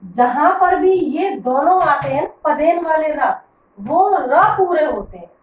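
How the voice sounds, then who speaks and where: A woman's voice: high-pitched, lively intonation, slow pace, echoey room, distant mic, lo-fi sound. A woman teacher explaining grammar to pupils, patiently asking questions and answering them herself. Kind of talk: classroom grammar lesson.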